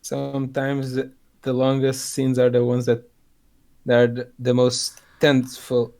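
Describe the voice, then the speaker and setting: A player chatting casually, halting and self-mocking. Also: medium pitch, completely flat delivery, a little mellow. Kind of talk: casual chat between role-play scenes.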